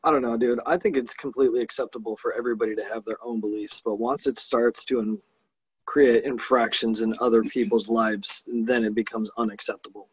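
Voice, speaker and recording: A man's voice: mid-range voice, steady tone, brisk, husky, no room sound, poor audio. A stoned, sleepy man from Southern California chatting as a guest, laid-back and saying dude a lot. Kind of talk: casual chat.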